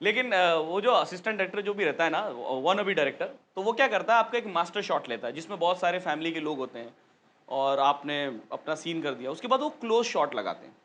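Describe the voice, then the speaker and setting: A young man doing a stand-up comedy set, telling stories in an animated way and acting out the characters. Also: fairly high pitch, fairly quick, noisy background. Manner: animated storytelling, acts out characters.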